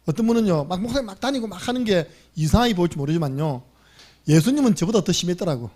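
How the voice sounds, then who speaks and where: Lively high-pitched pastor preaching. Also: male voice, fast talker. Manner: animated storytelling, acting out quoted voices; asks the congregation questions. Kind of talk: sermon. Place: church sanctuary.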